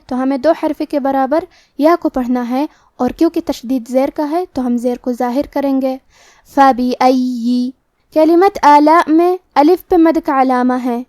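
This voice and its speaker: Female lesson teacher, high-pitched, precise step-by-step explanation, dry close mic. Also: dark tone, no room sound. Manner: slow, careful, explains each letter step by step. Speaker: Quran recitation teacher. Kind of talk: tajweed lesson, explaining rules and reciting.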